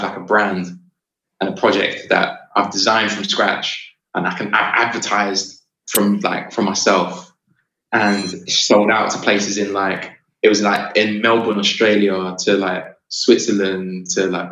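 A man's voice: lowish voice, level tone, a little slow, fairly bright tone. A man telling stories casually as a guest, in slangy talk full of "bro" and "like". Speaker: podcast guest, creative. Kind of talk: casual storytelling chat. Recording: echoey room, slightly dull sound.

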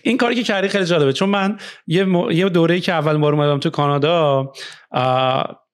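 Chatty man slipping into English phrases. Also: fairly high pitch. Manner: mixes English phrases into Persian, frequent "uh" fillers and "you know". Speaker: startup founder. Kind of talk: casual podcast conversation. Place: Canada.

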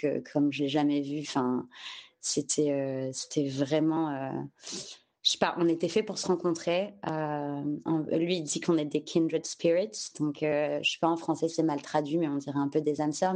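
A woman from France telling a personal story candidly on a podcast, unhurried and searching for her words, slipping English terms into her French. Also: low voice, darkish tone.

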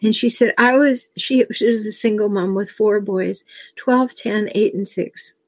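A woman's voice: mid-range voice, unhurried, dry recording. An older woman, a relationship coach, giving earnest advice and telling personal stories, with a chuckle now and then. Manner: earnest, advising, chuckles as she tells stories. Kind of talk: advice talk with personal anecdotes.

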